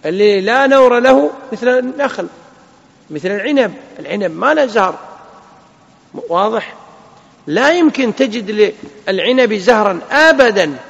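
A man teaching a classroom lesson, reading a legal text aloud and explaining it slowly, often checking with his students. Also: sits high, lively intonation, creaky, in a large hall, muffled recording. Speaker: Islamic jurisprudence teacher.

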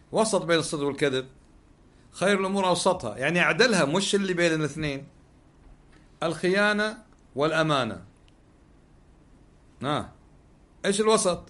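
A man's voice: a little high, fairly bright tone. A man teaching a religious lesson, posing rhetorical questions and answering them himself. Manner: Gulf Arabic dialect. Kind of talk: sermon-style lesson with questions.

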